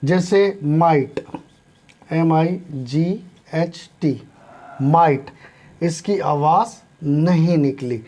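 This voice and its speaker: Slow, mellow-voiced male English tutor. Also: fairly high pitch. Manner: spells words letter by letter, often addresses listeners as friends. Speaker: English teacher. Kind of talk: spoken language lesson.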